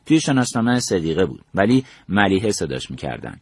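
A man's voice: deep voice, sing-song, a little mellow, no room sound. An older man from Iran recounting his memories as a storyteller, acting out the dialogue he quotes. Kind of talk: spoken memoir narration.

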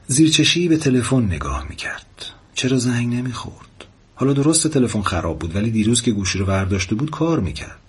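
A male host tells a story at a gentle, expressive pace. His voice is low and husky. He narrates with care.

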